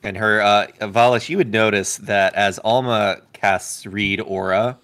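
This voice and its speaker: A man with a fairly low voice plays a tabletop role-playing game. He narrates his character's actions in a casual way. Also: steady tone, measured pace, a bit bright, clear, resonant tone.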